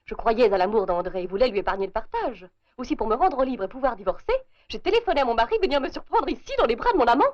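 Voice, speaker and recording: A scheming, bossy wife in an old film: a high, lively voice rattling off theatrical lines at speed. The sound is dull and lo-fi, like an early film soundtrack. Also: female voice. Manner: brisk, commanding, theatrical. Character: scheming bold married Parisian woman. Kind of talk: 1930s French film acting.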